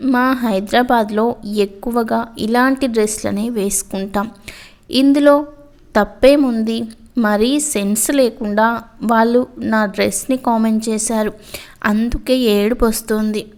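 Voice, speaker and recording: A woman's voice: a little high, fairly even intonation, a little slow, darkish tone. Varsha, a woman playing a tearful young student. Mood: tearful protest. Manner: tearful, complaining. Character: upset young female college student.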